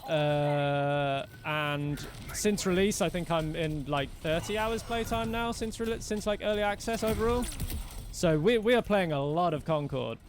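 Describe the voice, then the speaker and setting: A man's voice: on the high side, a little slow, a little hiss or hum. A young man streaming a game live, chatting loosely with viewers and thanking followers as he plays. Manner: rambling, talks to chat, thanks followers by name. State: losing his voice. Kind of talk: casual live-stream commentary while playing.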